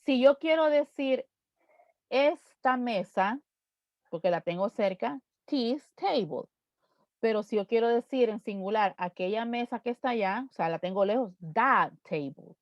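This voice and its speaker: A woman English teacher, explaining slowly and repeating each English word in a live online lesson. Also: a little high, no echo, lo-fi sound. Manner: slow, drawn-out explanations repeating English words.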